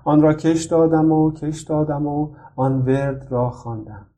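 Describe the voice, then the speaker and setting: A man from Iran, a children's author, gently reading his own storybook aloud. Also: on the high side, flat delivery.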